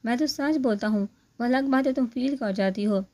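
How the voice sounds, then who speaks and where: A woman's voice: on the high side, normal speed, mellow, voice pushed up, lightly acted. A woman voicing a talkative young man who keeps teasing his friends, in a chatty, joking manner.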